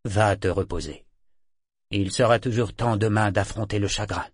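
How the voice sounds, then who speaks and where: A man's voice: on the low side, normal speed, slightly rough, no room sound, clean studio sound. A man voicing a smug, self-assured pirate captain who speaks coolly and curtly. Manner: cool, smug and clipped.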